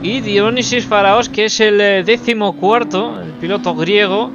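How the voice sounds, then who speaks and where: Speaking over music and loud engine noise on dull-sounding audio, a man with a high, steady voice delivers sim racing commentary a little slowly. He calls out the action live and exclaims at position changes.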